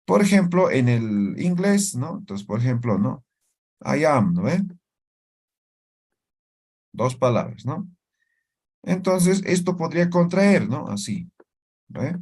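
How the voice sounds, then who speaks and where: Slow, deliberate male language teacher. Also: a little high, sing-song, a little mellow, breathy edge. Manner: slow, deliberate, checks in with tag questions. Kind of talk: explaining a language lesson.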